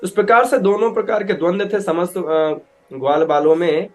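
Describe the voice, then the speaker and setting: Animated male scripture storyteller. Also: high-pitched, normal speed, faint music behind. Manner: animated storyteller, acts out voices with loud outbursts; mixes English words into Hindi. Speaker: Krishna devotee preacher.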